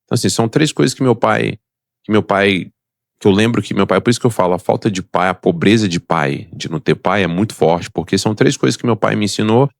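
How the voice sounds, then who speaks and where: Fast, gravelly Brazilian man telling stories. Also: fairly low pitch, no echo, clean studio sound. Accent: Brazilian Portuguese. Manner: emphatic and motivational, acts out quoted voices. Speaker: podcast guest, entrepreneur. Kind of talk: personal storytelling in a podcast interview.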